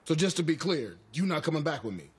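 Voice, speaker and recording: A vain, pleading ex-boyfriend. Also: male voice, fairly high pitch, very animated, fast talker, breathy edge, heavily acted. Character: persistent self-absorbed man begging his ex back. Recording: noisy sitcom soundtrack.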